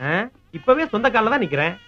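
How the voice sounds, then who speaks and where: A man's voice: high-pitched, very animated, fast talker. An actor playing a scheming, cowardly young man who bickers and wisecracks in a comedy film scene. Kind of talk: 1990s Tamil film comedy acting. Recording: dull film soundtrack with background score.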